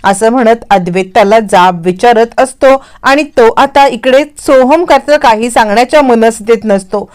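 A woman's voice: fairly high pitch, moderate pace, hardly any pauses, darkish tone. A woman narrating a dramatic recap of a TV serial episode, reading the characters' lines aloud in a lifted voice. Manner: storytelling, reads characters' lines in quotes with a lifted voice.

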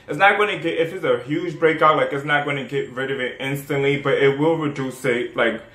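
This skincare vlogger, a young man with a New York accent, speaks fairly quickly in a medium-pitched, slightly bright voice. His casual how-to on his home routine is loose and chatty, peppered with "um," "like," and restarted sentences, recorded near the camera in a small bare room with a noticeable echo.

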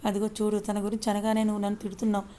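A woman's voice: mid-range voice, completely flat delivery, racing, warm tone, a little hiss or hum, natural voice. Woman reading as a sulky young wife. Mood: sulky complaint. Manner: pouting, complaining.

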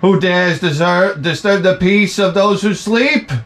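Guy doing a scary chaos spirit from a game, bossy and super slow. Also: high voice, a bit bright. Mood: menacing.

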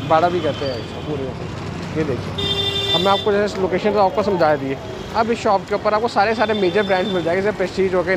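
A man giving a walking tour of a market shop on a handheld phone camera, often repeating words as he points things out. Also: high voice. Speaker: vlogger. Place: busy city market street and shop at night. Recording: street noise behind.

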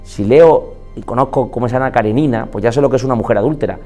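A man from Spain, a doctor, giving an expressive motivational talk and often quoting people in changed voices. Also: mid-range voice, fast, faint music behind. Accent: Spain Spanish. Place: indoors, filmed talk.

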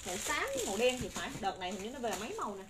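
A woman's voice: on the high side, big pitch swings, very fast. A woman in her thirties with a Southern Vietnamese accent, giving persuasive, repetitive live-stream sales patter to viewers from a room, into a phone. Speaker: live-stream shop seller. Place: indoor room with curtains and bagged stock. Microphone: phone a short distance away. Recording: noisy room recording on phone.

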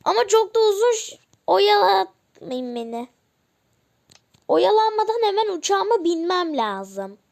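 A woman doing a stubborn mother walking out, very high voice, lively, gravelly edge. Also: exaggerated voice. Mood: defiant. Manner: insistent, dismissive, quick. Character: stubborn mother leaving her family. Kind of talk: family role-play.

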